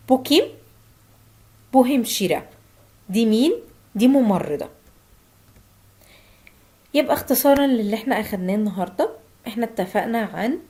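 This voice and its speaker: A woman with an Egyptian Arabic accent teaching a language lesson, slowing right down for the example phrases. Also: medium pitch, darkish tone. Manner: slow, drawn-out Turkish example phrases between Arabic explanations.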